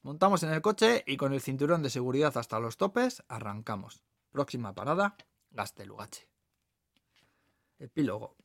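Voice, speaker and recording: A man's voice: medium pitch, big pitch swings, moderate pace, no room sound, clean studio sound. A man from the Basque Country with a Peninsular Spanish accent, reading his own memoir aloud with wry asides. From Basque Country, Spain. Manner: warm storytelling, wry asides. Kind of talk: audiobook narration of a memoir.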